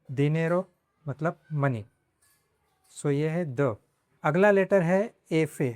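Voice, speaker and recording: Very slow, deliberate male teacher. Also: on the high side, darkish tone, no echo. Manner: slow, repeats each word twice. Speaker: Spanish teacher. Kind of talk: pronunciation lesson.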